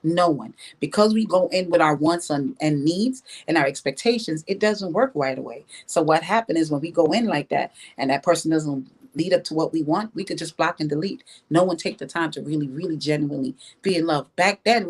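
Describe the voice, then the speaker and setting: With a lowish, slightly breathy voice, a woman from Jamaica weighs in as a podcast guest during a discussion. She offers her views forcefully and restates phrases to drive them home.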